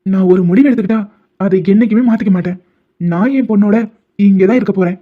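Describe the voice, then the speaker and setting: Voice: mid-range voice, fast, close to an everyday voice. A voice actor playing a stubborn young man, a doctor, who teases the heroine with pet names and insists she is his wife. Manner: teasing, stubborn, calls her pet names. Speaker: male lead. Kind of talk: animated love-story dubbing. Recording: dull lo-fi audio with faint music.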